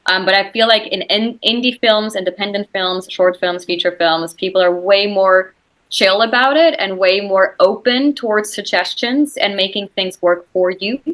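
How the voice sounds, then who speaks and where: This actress guest has a Swiss German accent, Swiss German being her first language, and keeps the casual interview chatty with plenty of "like" and "you know" and easy laughter. Her mid-range, slightly bright voice moves at a moderate pace over a rough recording.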